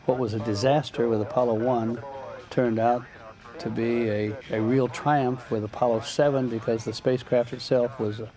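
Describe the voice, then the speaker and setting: A man's voice: medium pitch, little pitch movement, normal speed. An older man, a former astronaut, reminiscing in a documentary interview. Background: music.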